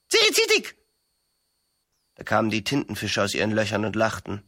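A man reading a surreal literary text aloud as narrator, in a measured, solemn storytelling manner. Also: lowish voice, fairly bright tone, no echo, clean studio sound.

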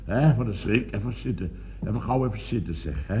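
A man's voice: lowish voice, lively intonation, a little fast, dark tone, muffled recording, natural voice. An actor playing a fussy, pompous rich businessman in a radio comedy, blustering and exclaiming. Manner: blustering, exclamatory, self-mocking.

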